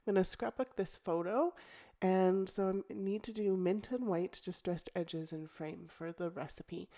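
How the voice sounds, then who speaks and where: A middle-aged crafter, croaky from a cold and with a lowish voice, talks through a scrapbooking project in a casual tutorial voice-over. She's relaxed and chatty, thinking aloud with ums and restarts.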